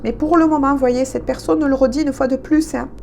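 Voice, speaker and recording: A woman's voice: sits high, steady tone, brisk, creaky, darkish tone, a little hiss or hum. A woman giving a casual, chatty tarot reading, hesitant and congested from allergies. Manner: chatty, hesitant, peppered with "hein". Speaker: tarot card reader.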